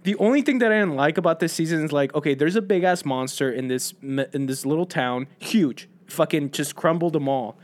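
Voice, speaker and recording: A young adult man co-hosting a casual podcast, cutting in with quick, excitable remarks. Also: on the high side. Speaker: podcast co-host. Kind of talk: casual chat.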